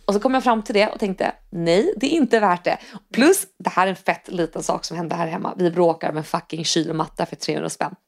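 A woman's voice: fairly low pitch, vocal fry, few pauses. A Swedish woman co-hosting a podcast, talking casually, swearing freely and acting out the lines of people she quotes. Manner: chatty, swears casually, acts out quoted dialogue. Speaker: podcast co-host. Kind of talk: casual chat.

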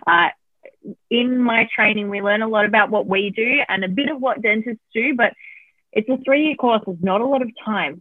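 Over a remote call with a tinny, phone-line quality and a dry sound, a woman with a mid-range voice answers interview questions. She's an oral health therapist and talks in a chatty way, laughing easily and using lots of fillers.

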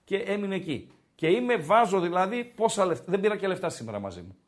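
A man's voice: high-pitched, sing-song. A man co-hosting a casual sports podcast, joking and ranting animatedly about referees. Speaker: podcast co-host.

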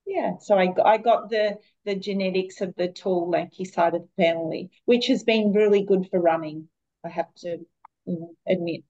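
A woman in her fifties with an Australian accent, a guest on a podcast telling stories from her life in a relaxed, chatty way with fillers. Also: on the low side, moderate pace, lo-fi sound. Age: 50s. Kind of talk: casual interview chat.

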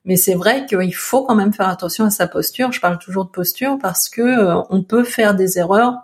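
A woman's voice: medium pitch, normal speed. A woman from France with a French accent, chatting as co-host, thoughtful and full of hesitations. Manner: thoughtful, hesitant with many fillers. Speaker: podcast co-host. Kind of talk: casual conversation.

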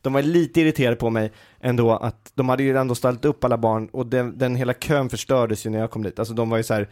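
A man's voice: medium pitch, steady tone, a little mellow. A man co-hosting a casual chat podcast, telling long anecdotes full of fillers and restarts. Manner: rambling anecdotal storytelling with many fillers. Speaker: podcast co-host.

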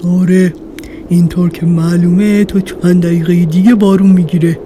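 A big, proud dinosaur from a children's storybook, as a woman puts him on, booming out slow, loud lines. The voice is dark and mellow and sounds a little distant, with faint hiss behind it. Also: little pitch movement, natural voice. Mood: boastful. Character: big boastful friendly male dinosaur.

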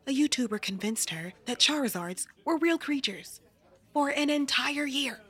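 An actress playing a level-headed woman podcast co-host with a dry, calming manner, in a fiction podcast drama. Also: high voice, normal speed.

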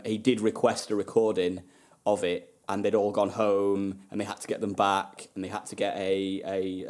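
A man's voice: lowish voice, darkish tone. A man talking casually about a film, thoughtful and with frequent ums. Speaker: podcast guest.

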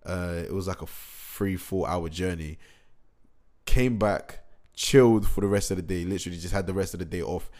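A young man recapping his month in a rambling, excitable vlog, slightly hoarse from a cold. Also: deep voice, moderate pace. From England. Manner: excitable, rambling, slangy, many fillers and restarts. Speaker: musician.

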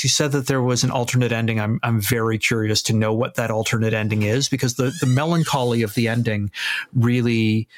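A man co-hosting a casual film podcast, musing and thinking aloud, often restarting his sentences. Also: medium pitch. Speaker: podcast co-host.

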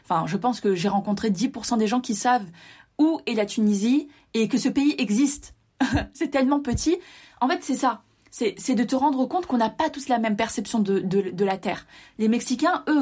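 Breathy-voiced woman telling her story. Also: fairly high pitch. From France. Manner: animated storytelling, addresses listeners directly. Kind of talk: personal monologue to listeners.

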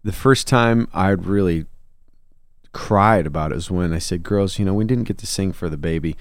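A man's voice: low-pitched, moderate pace, dry recording. A man, a songwriter and musician, in a conversational interview, telling a personal story in an earnest, reflective way. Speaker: guest.

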